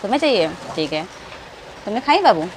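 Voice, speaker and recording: With big pitch swings and a slightly fast pace, a woman with a mid-range voice talks warmly to viewers in a casual home vlog. She's an adult family vlogger indoors at the family home, with a noisy household behind her.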